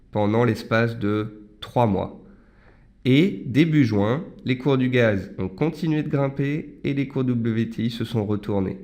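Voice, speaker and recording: A man's voice: mid-range voice, a little mellow. A man hosting a morning market briefing, explaining things step by step and speaking directly to his listeners as an analyst. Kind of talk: live financial market commentary with audience questions.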